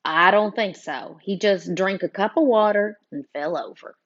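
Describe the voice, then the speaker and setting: A woman voicing a calm teenage boy in an audiobook, low-key and reassuring. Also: moderate pace, lo-fi sound, lightly acted. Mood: tense.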